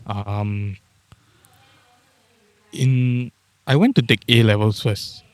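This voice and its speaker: A man's voice: on the low side, very slow. A man in his thirties with a Singaporean English accent, a podcast guest talking casually and joking at his own expense. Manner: laid-back, self-deprecating joker. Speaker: podcast guest, audio engineer. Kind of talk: casual chat.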